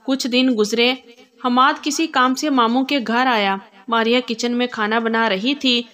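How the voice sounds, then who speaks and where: A woman narrating an emotional family story in a steady read-aloud manner. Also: on the high side.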